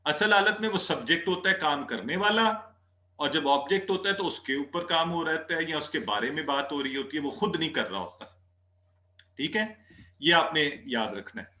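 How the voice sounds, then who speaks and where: A man teaching an Arabic class, patiently repeating words slowly for students to drill. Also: a little high, lively intonation, sharp tone, echoey room. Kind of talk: online class lesson.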